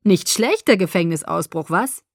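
A woman's voice: on the low side, normal speed, no echo, studio quality. Woman voicing an eager teenage boy. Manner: excited, playful.

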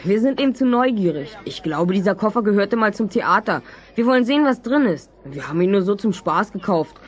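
A man's voice: high-pitched, lively intonation, brisk. A male actor playing a curious, articulate boy detective in an audio drama, speaking precisely and confidently. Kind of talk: German audio drama acting.

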